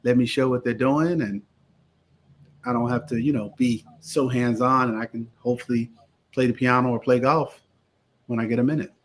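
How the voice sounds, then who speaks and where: Man, from Connecticut, casual interview guest, animated storyteller, mid-pitched voice. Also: moderate pace, slight background noise. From Connecticut, USA. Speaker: guest, attorney and theater producer.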